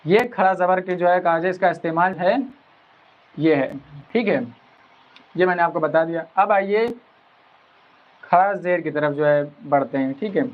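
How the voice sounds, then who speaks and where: A man teaching a Quran reading lesson, explaining patiently and drawing out each sound slowly as he spells it. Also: high voice. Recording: dull lo-fi recording.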